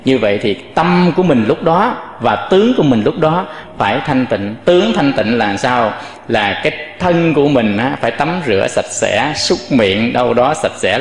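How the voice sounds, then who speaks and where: A man who is a Buddhist monk, giving a patient dharma talk and addressing his listeners directly. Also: medium pitch. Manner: explains patiently, often addressing listeners directly, demonstrates chant tones. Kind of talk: dharma talk with chanting demonstrations. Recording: echoey hall with long reverb.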